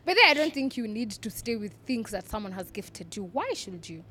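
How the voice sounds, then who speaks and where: A woman's voice: mid-range voice, big pitch swings, a little fast, bright, forceful tone, slight background noise. A woman with a Kenyan accent co-hosting a podcast in playful, teasing, casual conversation. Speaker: podcast co-host. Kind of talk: casual bilingual banter.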